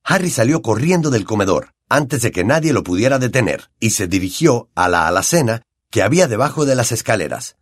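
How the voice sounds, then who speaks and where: A man with a Latin American Spanish accent narrating an audiobook in an expressive storytelling manner. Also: mid-range voice, brisk, husky, no room sound, clean studio sound. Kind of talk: scripted narration.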